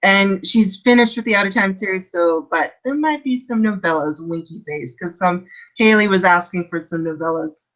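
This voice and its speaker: A woman's voice: medium pitch, moderate pace, a bit bright. A woman in her thirties from Canada, co-hosting a casual book club live stream, chatty and rambling, with self-deprecating asides. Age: 30s.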